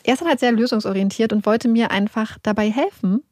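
Woman co-host, animated self-mocking storyteller, slightly high voice, dry close sound. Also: a little fast, no room sound. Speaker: podcast co-host. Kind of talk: casual podcast chat.

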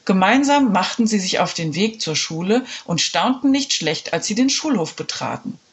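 A woman narrating a children's story in an expressive storytelling manner. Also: mid-range voice, normal speed, breathy edge.

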